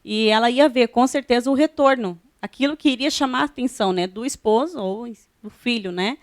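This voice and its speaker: A Brazilian woman talks as a guest on a church television program in a smooth, clear voice. She speaks conversationally, often checking in with her listeners, and she is recorded close and dry. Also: on the high side, a little fast, no echo. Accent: Brazilian Portuguese. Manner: conversational, frequent "né" tags. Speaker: guest, pastor's wife. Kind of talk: church TV interview.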